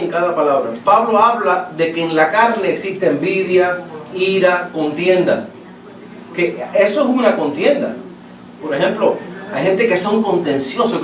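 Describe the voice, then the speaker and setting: A Latin American man preaching a sermon as pastor, emphatic and repetitive, often asking his listeners questions. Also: high-pitched. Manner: emphatic, repeats words and asks the congregation questions. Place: church sanctuary. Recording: echoey church hall, voice from a distance, faint room noise.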